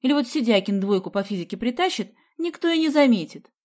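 A woman's voice: on the high side, lively intonation, fast talker, a little mellow, pitched above the performer's own voice, lightly acted. Woman playing a feisty squealing schoolgirl. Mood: teasing. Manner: indignant, squealing retorts. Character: feisty quick-tempered schoolgirl Sonya.

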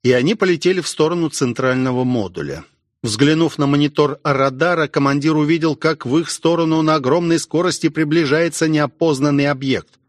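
A man narrating an audiobook with an even, clear reading. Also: fairly high pitch, brisk, no room sound, clean studio sound.

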